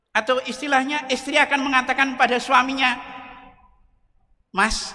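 Man, priest's sermon, high voice, very bright, joking storyteller. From Indonesia. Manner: humorous storytelling, acts out quoted voices. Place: large church. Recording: long church reverb.

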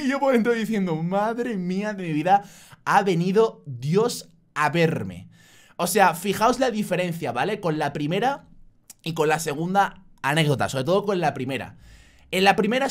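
A young man from Spain tells a story straight to his viewers in a casual vlog. His voice sits a little high for a man, and he mocks himself freely while acting out both sides of the exchange. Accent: Spain Spanish. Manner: animated, self-mocking, acts out both sides of dialogues. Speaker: YouTuber.

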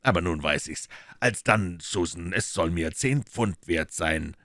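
A man voicing a calm, ironic detective in a German audiobook, speaking low and measured. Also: dry recording, studio quality. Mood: cool ironic. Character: Sherlock Holmes, cool calm detective, man.

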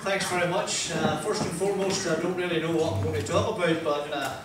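Speaking with fairly even intonation and a slightly high pitch, an older Northern Irish man tells self-deprecating stories at a motivational talk, holding a handheld mic in a large wood-panelled room. He's chatty, pausing often with "uh" and laughing. The recording is distant and echoey, set against a noisy background.

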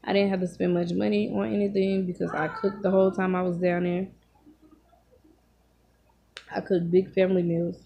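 Husky low-pitched woman talking with mouth full. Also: level tone, moderate pace, pauses often, dull audio. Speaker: vlogger. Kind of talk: casual storytelling while eating. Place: small home room, indoors. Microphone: phone at arm's length.

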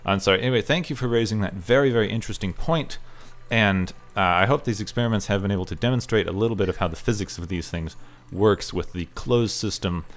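A man's voice: deep voice, a bit bright. A young man hosting a gaming channel, giving rambling, self-deprecating commentary as he explains his build, his voice a little strained as he says he is losing it. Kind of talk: casual gameplay commentary.

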